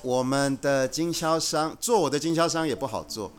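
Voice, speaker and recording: A man who is a guest executive on a podcast, explaining his company's approach in a measured, earnest way. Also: fairly high pitch, faint music behind. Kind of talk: casual podcast conversation.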